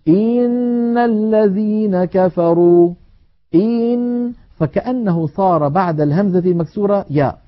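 A man teaching Quran recitation in a televised lesson, explaining in a measured way and chanting example words slowly. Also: fairly high pitch, muffled recording.

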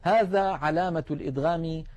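A man with a slightly high voice teaches Quran recitation in a steady, patient way. He stops often to chant short examples very slowly, holding the nasal sounds long. The tone stays that of a lesson throughout. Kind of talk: recorded tajweed lesson.

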